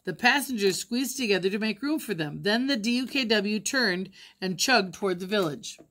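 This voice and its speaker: A woman's voice: medium pitch, expressive, a bit bright. An older woman reading a novel aloud, stopping now and then to explain the pictures. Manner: plain, pauses to explain pictures. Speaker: storybook reader.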